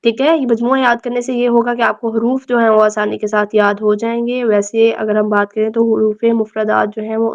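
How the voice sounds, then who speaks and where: Woman teaching tajweed basics, kinda high voice, says everything twice and sounds out letters slowly, muffled lo-fi audio. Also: dry recording. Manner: patient, repeats each point, models letter sounds slowly and drawn out. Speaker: Quran recitation teacher. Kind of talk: tajweed lesson. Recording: dull lo-fi recording.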